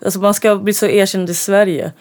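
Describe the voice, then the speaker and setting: A touring band musician from southern Sweden, chatting casually as an interview guest, laughing often and trailing off into soft asides. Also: medium pitch, flat delivery.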